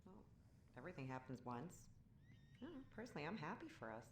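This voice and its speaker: A woman's voice: sits low, sing-song, fast talker. An actress playing an affectionate, hopeful woman crew member on a space station in natural video game dialogue. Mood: teasing, hopeful. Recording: echoey room with faint ambient noise.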